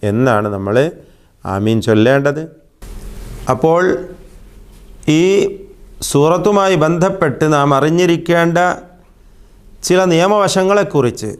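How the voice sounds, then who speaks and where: Male teacher, patient recitation lesson, smooth resonant tone, drawn-out examples. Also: fairly high pitch, lively intonation. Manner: patient explaining, drawn-out demonstrations. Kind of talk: religious lesson.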